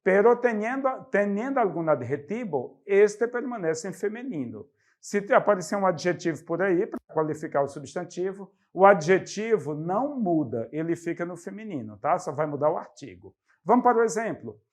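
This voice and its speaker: Brazilian guy teaching a language class, punches the key words, bouncy lively voice. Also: high-pitched, moderate pace. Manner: lively, stresses example words loudly. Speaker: Spanish teacher. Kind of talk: classroom explanation.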